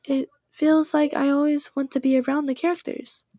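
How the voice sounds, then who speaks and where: A woman voicing a shy, bookish teenage girl as she reads game dialogue aloud, with a soft, hesitant and apologetic manner. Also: sits high, level tone, normal speed, no echo, close to an everyday voice. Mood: earnest.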